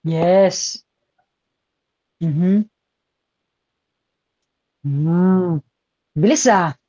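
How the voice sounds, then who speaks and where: A man's voice: high-pitched, drawn-out words, dark tone, dry recording, dull audio. A man with a Filipino accent giving a live online exam review lecture, chatty and switching between languages as he reads out viewer comments.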